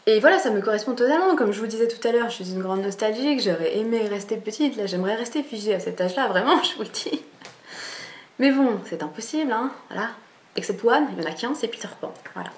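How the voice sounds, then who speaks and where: A woman's voice: on the high side, expressive, quick pace. A young woman chatting casually to camera as a book vlogger, enthusiastic and full of fillers and restarts. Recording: echoey room.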